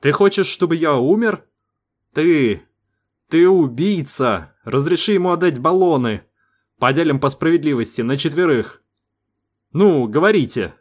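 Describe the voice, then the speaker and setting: A man voicing a panicky, selfish male cosmonaut in an audiobook, hoarse and snarling, his voice jumping high as he pleads. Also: lively intonation, a little slow, natural voice. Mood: panicked pleading. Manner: shrill and pleading, voice jumps high. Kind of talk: audiobook character voice.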